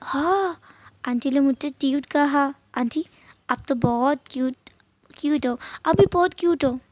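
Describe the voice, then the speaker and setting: A woman voicing an excitable little boy who stumbles and halts while hunting for words. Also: high voice, no echo, highs cut off. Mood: delighted. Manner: stumbling over words, halting searches.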